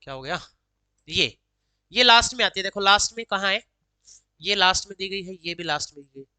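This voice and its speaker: A woman teaching exam solutions, reading each English question slowly, then explaining quickly in Hindi mixed with English. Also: mid-range voice, animated, sharp tone, clear, resonant tone, dry recording, low-quality recording. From Haryana, India.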